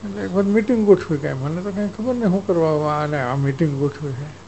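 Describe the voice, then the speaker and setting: High-voiced man giving a spiritual discourse. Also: fast, dark tone, slight background noise, poor audio. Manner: storytelling, acts out exchanges, chuckles. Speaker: spiritual teacher.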